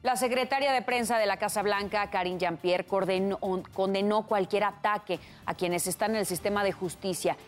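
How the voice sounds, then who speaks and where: Mexican woman anchor, medium pitch, formal scripted news read with a light music bed. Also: fairly even intonation, normal speed, hardly any pauses.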